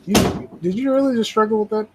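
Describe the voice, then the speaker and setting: High-voiced young man hosting casually. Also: fairly quick, background noise. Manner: loose, profane, animated storytelling. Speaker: podcast host. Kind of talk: casual gaming podcast chat.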